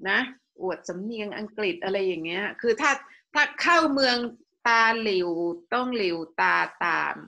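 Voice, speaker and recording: A woman from Thailand teaching an English lesson, explaining slowly and leading the class in repeating phrases, with many polite particles. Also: mid-range voice, lively intonation, bright, forceful tone, rough recording. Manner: slow, drawn-out explaining with frequent polite sentence particles. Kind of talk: classroom language lesson with choral repetition.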